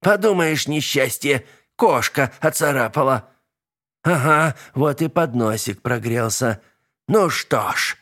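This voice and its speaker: A man voicing a scheming, boastful middle-aged witch who bosses her son, with a shrill, commanding manner. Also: expressive, slow pace, a bit bright. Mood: bossy.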